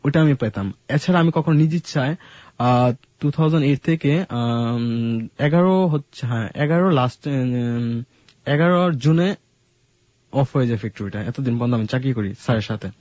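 A man telling his life story in a casual radio conversation, halting, with many fillers and restarts. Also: mid-range voice, darkish tone, dry recording. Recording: dull lo-fi radio studio sound.

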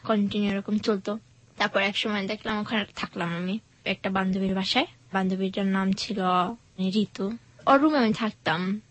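A nineteen-year-old woman, telling her personal story as a guest, soft and hesitant in manner. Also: medium pitch, fairly even intonation, moderate pace, no echo. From Bangladesh.

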